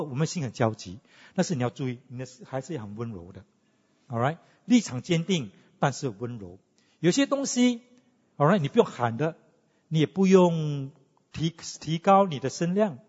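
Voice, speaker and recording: A man preaching a sermon, teaching in an animated way and asking the congregation questions. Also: on the high side, husky. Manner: animated teaching, asks the congregation questions, mixes in English tags. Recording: lo-fi with long hall reverb.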